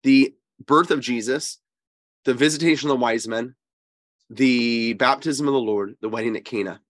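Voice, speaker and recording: Congested and a bit wheezy with a cold, the priest co-hosting here teaches religion in a conversational style that is emphatic but halting. His mid-range voice is a touch bright, and the recording is dry.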